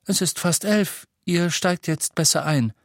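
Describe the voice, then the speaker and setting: A man voicing a calm, firm father seeing his sons off. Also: on the high side, measured pace, dry recording, clean studio sound, pitched above the performer's own voice. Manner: firm, reassuring.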